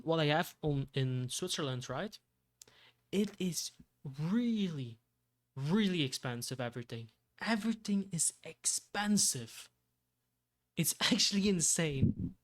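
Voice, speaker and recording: Man, from Belgium, streamer, casual rambling chat, unhurried. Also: a little high, lively intonation. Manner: rambling, laughs often, repeats himself.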